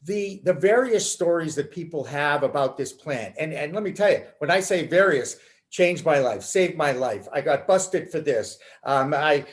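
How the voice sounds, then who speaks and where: Chatty host on a video call. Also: male voice, fairly high pitch, animated, normal speed. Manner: chatty, enthusiastic. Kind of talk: casual interview chat. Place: home room, video call. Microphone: video call webcam.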